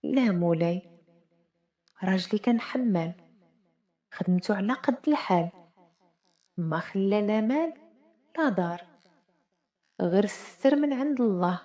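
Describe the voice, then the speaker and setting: A woman with a Moroccan accent voicing a poor, humble widow with seven daughters, speaking meekly and quietly. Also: mid-range voice, animated, moderate pace, pauses often, lightly acted. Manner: meek, quiet.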